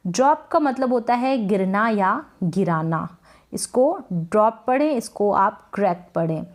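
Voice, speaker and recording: A woman's voice: mid-range voice, lively intonation, measured pace. A woman teaching English pronunciation in a Hindi-language lesson, patiently repeating words and asking her viewers questions to check they follow.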